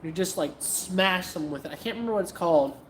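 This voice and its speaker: A woman's voice: on the low side, expressive, fast, slight background noise. A woman hosting a casual livestream, chatting with viewers in a scattered, self-interrupting way as she shows her practice swords.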